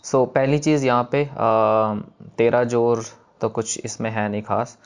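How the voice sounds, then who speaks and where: A man teaching the pronunciation of a prayer text, patiently explaining and demonstrating words slowly syllable by syllable. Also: fairly low pitch, smooth. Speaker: recitation teacher.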